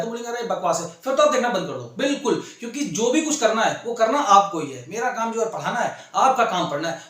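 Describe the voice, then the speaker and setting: A man's voice: high voice, fairly bright tone. A man who speaks Hindi and English with an Indian accent, teaching an online English lesson and coaxing his students, who speak Hindi, with constant check-ins. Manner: coaxing, keeps adding "ठीक है ना?". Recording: very echoey room.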